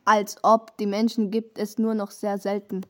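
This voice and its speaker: A woman voicing a female robot from the future, speaking in a robotic monotone in an amateur audio drama. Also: medium pitch, normal speed, natural voice.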